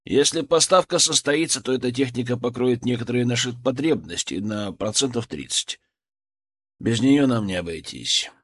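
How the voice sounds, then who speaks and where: A man's voice: medium pitch, moderate pace, fairly bright tone, natural voice. A man voicing a dutiful male army department chief giving a businesslike, slightly hesitant report.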